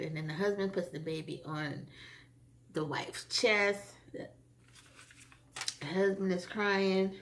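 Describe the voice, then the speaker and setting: A woman casually recapping a TV episode for her channel, chatty and rambling, with frequent fillers. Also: on the low side. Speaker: TV episode reviewer.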